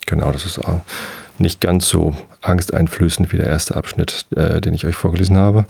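A man hosting a sleep podcast, rambling gently with fillers as he reads a bedtime story aloud. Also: low-pitched, steady tone, normal speed, vocal fry, slightly rough. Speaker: podcast host reading aloud.

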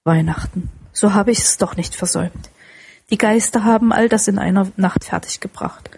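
An elated old miser, breathless with joy and full of excited calls, as a woman reading aloud puts him on. The voice is a little husky and airy. It stays at a middling height. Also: medium pitch, moderate pace. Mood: giddy. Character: old male miser, giddy and overjoyed.

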